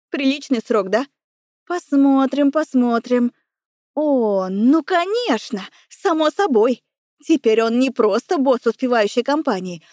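A woman reads a first-person audiobook, telling the story expressively and with feeling. Her voice is high and soft-toned, mellow rather than bright. The recording is close and completely dry. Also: no echo. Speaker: audiobook narrator.

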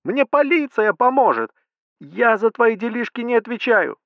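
A man voicing a furious wife screaming down the phone in a shrill voice. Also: very animated, normal speed, no echo, dull audio, full character voice. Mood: furious shrieking.

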